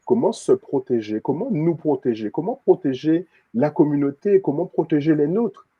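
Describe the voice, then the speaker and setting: A man's voice: fairly high pitch, animated, moderate pace, breathy edge, dull audio. A man hosting a talk show, introducing the topic with a string of rhetorical questions. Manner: rhetorical questions, laughs easily. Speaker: host.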